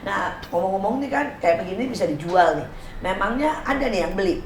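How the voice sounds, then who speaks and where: A woman's voice: medium pitch, lively intonation, a little fast, roomy sound, a little hiss or hum. A woman hosting a casual interview show in a garden, chatty and teasing, asking many questions. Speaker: host. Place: outdoor garden.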